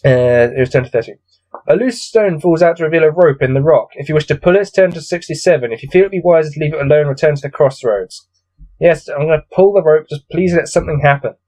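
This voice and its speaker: A man whose voice is a little high and a little mellow reads a gamebook aloud, captured in a rough recording. He's getting a cold and adds weary, exasperated, improvised commentary with plenty of grumbling.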